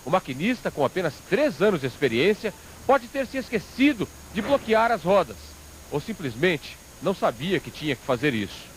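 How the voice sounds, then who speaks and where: A man's voice: high voice, very animated, moderate pace, slight background noise, rough recording. A Brazilian man reading a scripted television news report as a reporter.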